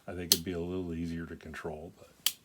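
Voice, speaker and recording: A man's voice: low-pitched, flat delivery, fast, background noise. An older man giving a casual show-and-tell of his collection, talking in a plain-spoken, folksy, rambling way. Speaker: knife collector presenting his pocketknives.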